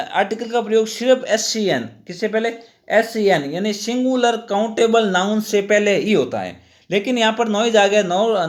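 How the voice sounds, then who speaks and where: A high-pitched man walks students through an exam-prep lesson. He explains step by step, keeps quizzing the class and often stops to correct himself mid-sentence. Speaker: teacher.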